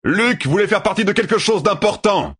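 A man voicing an arrogant, ruthless male killer who shouts and taunts in an audiobook. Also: fairly high pitch, huge pitch swings, moderate pace, breathy edge, voice pushed up, exaggerated voice. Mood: taunting. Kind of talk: audiobook character voice.

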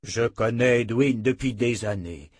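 A man's voice: medium pitch, measured pace, no room sound, natural voice. Linscott, a man doing an unctuous official. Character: pious, powerful older official, unctuous.

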